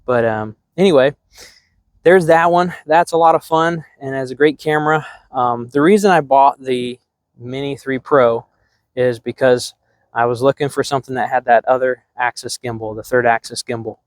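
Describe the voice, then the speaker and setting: This is a middle-aged man with a mid-range voice at a moderate pace, recorded without room sound. Hosting a drone hobby channel, he chats casually about products to camera, relaxed and rambling, with plenty of ums and restarts.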